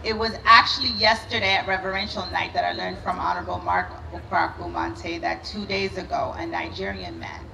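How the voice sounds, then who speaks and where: A woman's voice: lowish voice, fairly even intonation, gravelly, pushed and bright, poor audio. A woman, giving an earnest prepared speech at a podium during an outdoor ceremony. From Sudan. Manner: earnest, measured public address. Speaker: organization CEO giving a speech. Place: outdoor event stage. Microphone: podium microphones.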